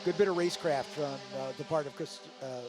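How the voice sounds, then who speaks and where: A man's voice: fairly high pitch, fairly quick, music in the background. A man co-commentating live motorsport, adding analysis of the cars and their moves.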